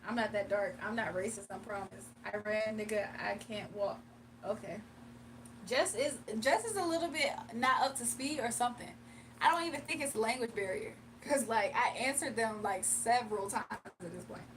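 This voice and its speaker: A young woman chats casually with her livestream viewers, laughing often and reading the chat aloud, before moving into a tarot reading. Her voice is fairly high at a normal pace, captured by a distant mic with faint room noise.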